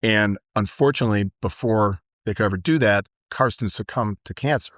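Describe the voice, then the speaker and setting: A man's voice: on the low side, brisk, no room sound, clean studio sound. A middle-aged man, a podcast guest, reflecting and telling stories in an earnest, conversational way. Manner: reflective storyteller, warm and earnest. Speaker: guest, business owner and author. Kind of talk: casual chat.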